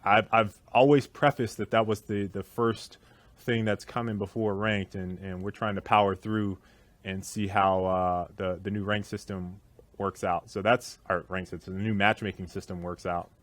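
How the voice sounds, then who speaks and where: A man's voice: lowish voice, moderate pace, dry recording. A man hosting a casual developer livestream, reading out viewer questions and answering them. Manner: relaxed, reads out chat questions and answers them. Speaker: developer stream host.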